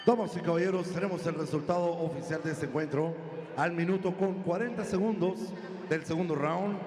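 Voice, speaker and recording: A man's voice: fairly high pitch, quick pace. Guy doing lucha libre style ring announcing in spanish n english, drags out names, big echo, lots of noise. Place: boxing venue. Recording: echoey arena PA with loud noise.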